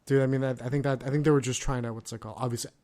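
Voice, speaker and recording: A man's voice: mid-range voice, steady tone, racing, a little mellow. A man in his thirties from California, a Navy veteran telling his story as a podcast guest in a loose, profane way, with lots of fillers. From California, USA. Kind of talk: casual podcast interview.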